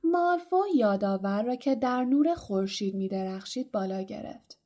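A woman narrating a children's fantasy audiobook in an expressive storytelling manner. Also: mid-range voice. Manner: expressive storytelling, voicing characters.

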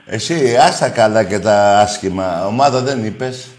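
A man's voice: lowish voice, echoey room, very noisy. A man hosting a call-in radio show, telling stories animatedly and teasing callers. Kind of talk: casual call-in radio chat.

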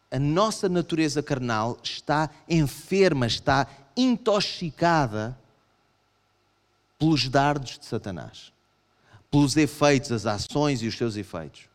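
A man with a European Portuguese accent preaching a sermon to a congregation, animated and acting out his listeners' objections. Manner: animated, acts out voices of the congregation in raised pitch. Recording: long hall reverb.

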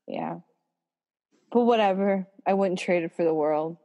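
A woman's voice: on the low side, measured pace, creaky, long reverb tail. A woman co-hosting a podcast, chatting casually and swearing freely as she retells scenes. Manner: swears freely, animated retelling with quoted voices. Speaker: podcast co-host. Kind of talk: casual chat.

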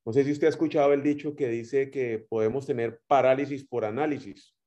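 A man with a Guatemalan accent preaching a sermon, telling stories and swinging between loud emphatic phrases and quiet trailing ones. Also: medium pitch, fairly even intonation, a little fast. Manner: storytelling with rising and dropping loudness.

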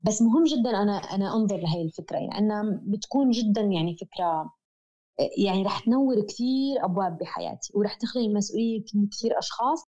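A woman's voice: mid-range voice, lively intonation, very fast, mellow, muffled recording. A woman with a Levantine Arabic accent speaks as an interview guest, explaining reflectively and conversationally, repeating key phrases for emphasis and searching for words.

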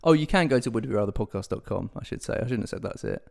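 A man co-hosting a casual podcast from a guest's home, chatty and jokey with quick asides. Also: fairly low pitch, animated, vocal fry. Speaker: podcast co-host.

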